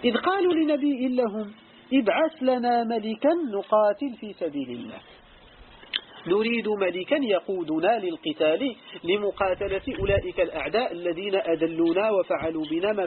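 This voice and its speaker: Man, Moroccan accent, religious teacher, brisk lesson, tinny narrow sound, faint hiss. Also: sits high. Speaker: Islamic scholar teaching Quran commentary.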